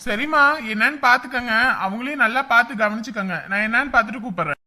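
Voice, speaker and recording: A woman's voice: fairly high pitch, fast talker, very noisy, natural voice. A performer voicing a polite, dutiful adult son working abroad who reassures his mother.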